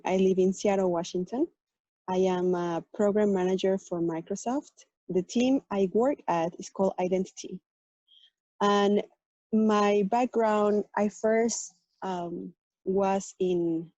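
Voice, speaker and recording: A woman's voice: mid-range voice, dark tone, no room sound, muffled recording. A woman from Mexico, a native Spanish speaker with a Mexican Spanish accent, earnestly introducing herself and her tech work on a panel. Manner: earnest, explanatory, with "um" pauses. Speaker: tech panelist, program manager.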